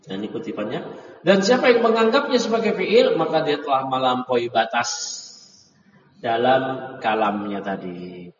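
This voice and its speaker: Heard from a distance in a dull, echoey hall, a man teaches grammar to a class, working through a text phrase by phrase and correcting students. He's a religious teacher whose medium-pitched voice is sing-song and moderately paced, dotted with "ya" and "nah" fillers.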